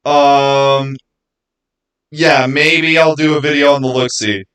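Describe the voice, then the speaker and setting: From his small home studio, a YouTube creator and livestream host talks with his audience in a relaxed, meandering way, circling back to repeat words for emphasis. His mid-pitched voice is steady, smooth, and a bit bright, and he takes his time.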